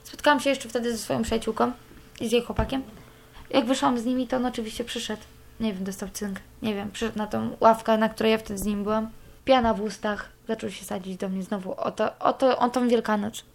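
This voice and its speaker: A woman's voice: a little high, steady tone, fairly quick, vocal fry. A young woman giving a candid personal account, cursing freely as she talks. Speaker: interviewee.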